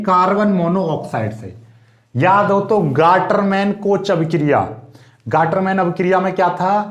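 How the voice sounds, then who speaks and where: A man's voice: sits high, roomy sound. A man teaching chemistry, explaining each step and asking questions to his students. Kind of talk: board exam lecture.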